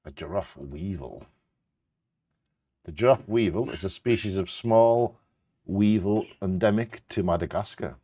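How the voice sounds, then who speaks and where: Deep-voiced man reading out bingo facts. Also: unhurried, warm tone, no room sound, lo-fi sound. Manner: casual, stumbles over scientific names. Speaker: co-host reading out animal facts. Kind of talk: reading facts aloud with casual asides during a live bingo game.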